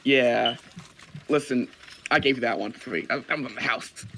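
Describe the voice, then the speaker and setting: A man's voice: mid-range voice, moderate pace, vocal fry, sharp tone, slight background noise. A man doing a nervous evasive townsman. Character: nervous evasive young man leading heroes.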